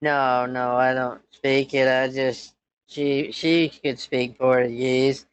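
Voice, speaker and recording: A man in his twenties, a scambaiter pretending to be someone's son, chats casually on the phone in a hesitant, rambling way. His mid-range voice is slow, clear and resonant with a level tone, and the recording is dry.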